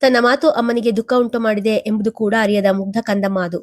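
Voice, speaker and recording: A woman's voice: mid-range voice, fairly even intonation, brisk, darkish tone. A woman reading a scripted family story aloud as storyteller.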